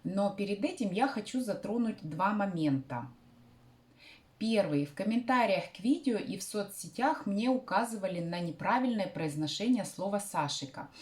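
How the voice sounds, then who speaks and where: A woman hosting a sewing channel, explaining a craft tutorial carefully, often pausing with hesitation sounds. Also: mid-range voice, lively intonation.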